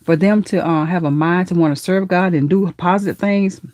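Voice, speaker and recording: A woman's voice: fairly low pitch, brisk, dry recording, studio quality. Churchy auntie woman on a live stream. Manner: warm affectionate auntie talk, calls viewers baby and honey; churchy, speaks of God and blessings. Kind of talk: casual live chat reading comments.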